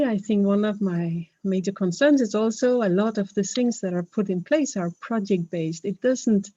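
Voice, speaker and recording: In lo-fi sound with no room echo, a warm, mid-range female voice with a Danish accent gives a webinar talk in English, her second language. She's a health professional from Denmark, earnest but hesitant, often restarting and using fillers.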